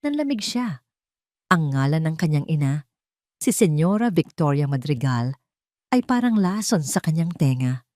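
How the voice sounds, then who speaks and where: Low and darkish, her voice swings broadly in pitch as she narrates at a moderate pace, pausing often. She's a storyteller with a Filipino accent performing a scripted dramatic love story with solemn melodrama, in a dry, clean studio recording.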